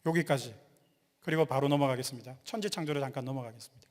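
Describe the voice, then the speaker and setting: A male pastor giving a lively sermon, quizzing the congregation and joking with them. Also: mid-range voice, rapid-fire. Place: church sanctuary. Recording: long hall reverb.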